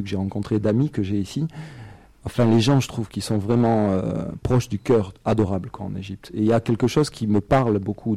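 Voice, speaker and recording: In a dry recording with no room sound, a French-raised musician and singer answers a casual radio interviewer in a lowish, mellow voice. His answers come out loose and halting, peppered with fillers and soft laughter.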